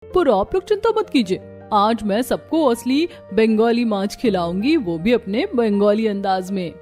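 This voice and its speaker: A woman's voice: medium pitch, expressive, unhurried, a little mellow, close to an everyday voice. A woman voicing a kind, resourceful young Bengali daughter-in-law in a cartoon family story. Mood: proud, reassuring. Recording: music under the voice.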